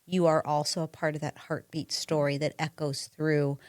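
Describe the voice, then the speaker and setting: A woman's voice: low voice, little pitch movement, normal speed, no echo, clean studio sound. A woman with a Midwestern American accent hosting a podcast interview, encouraging and affirming her guest. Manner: warmly encouraging, with affirming murmurs. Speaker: podcast host.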